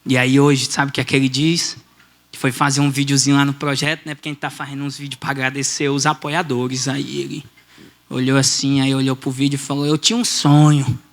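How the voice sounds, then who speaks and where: A man preaching a story-driven sermon, lively and acting out the dialogue. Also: mid-range voice, brisk.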